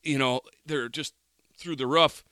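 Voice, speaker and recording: A man's voice: mid-range voice, fairly even intonation, a little slow, pushed and bright, no room sound, clean studio sound. A middle-aged man, telling a rambling, profane story as a podcast co-host. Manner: rambling, profane, exaggerated rants. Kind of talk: casual chat, storytelling.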